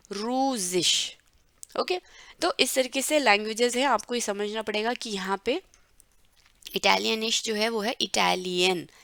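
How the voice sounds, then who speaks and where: A woman teaching a German lesson, explaining words and drawing out pronunciation slowly. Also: medium pitch, pushed and bright, clear, resonant tone, dry recording. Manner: slow, drawn-out pronunciation drills. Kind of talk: bilingual language lesson.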